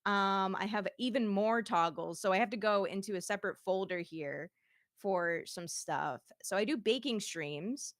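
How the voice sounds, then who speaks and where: In a casual livestream demo, a woman VTuber guest walks through her streaming setup with plenty of giggles. Her voice is mid-range at normal speed, recorded on a streaming microphone with clean studio quality and no room sound.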